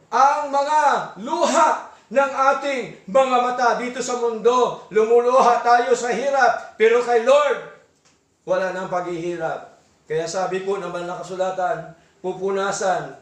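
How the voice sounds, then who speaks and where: Man, Filipino accent, pastor, sermon, high voice, echoey church room. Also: far from the mic. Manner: asks the congregation for assent, reads verses slowly. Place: church hall.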